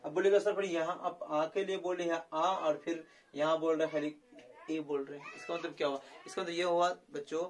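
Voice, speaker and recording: Man slowly teaching Hindi spelling. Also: fairly high pitch, fairly bright tone. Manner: addresses viewers as friends over and over, slow drawn-out spelling. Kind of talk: spelling lesson.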